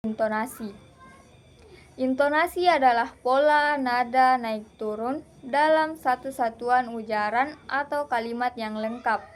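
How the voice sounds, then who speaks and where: Young woman from Indonesia, student presenter, slightly high voice, measured read-aloud lesson delivery. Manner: measured, deliberate reading with pauses.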